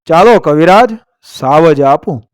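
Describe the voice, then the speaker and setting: A man voicing a proud, fearless Rajput king who speaks in a calm, commanding way in a told folk tale. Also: on the high side, a little slow, clear, resonant tone, no room sound, clean studio sound.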